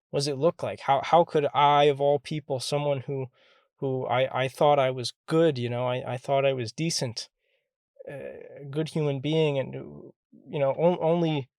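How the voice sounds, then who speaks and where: A young man telling a personal story in a halting, earnest way, stumbling and repeating words as he goes. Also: medium pitch, vocal fry, a little mellow, no echo, studio quality. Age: young adult. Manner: candid and earnest. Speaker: interviewee recounting his college years.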